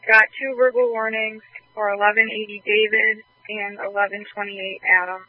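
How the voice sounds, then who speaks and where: A woman officer's voice comes through a police radio, thin and tinny like a phone line. She reads out numbers and codes in an even, level tone, terse and procedural, with almost no rise or fall. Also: medium pitch, normal speed. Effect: police radio transmission. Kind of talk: clipped radio call codes. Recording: narrow tinny radio channel.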